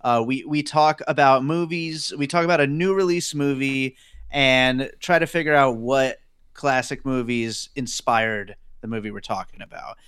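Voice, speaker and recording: A man co-hosting a podcast in casual chat, laughing easily and pausing on fillers. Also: medium pitch, fairly bright tone, smooth. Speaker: podcast co-host.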